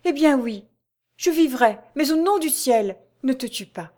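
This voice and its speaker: A woman's voice: high-pitched, lively intonation, unhurried, pitched above the performer's own voice. Woman voicing a sorrowful young woman. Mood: frightened. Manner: soft, mournful. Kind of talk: audiobook character voice.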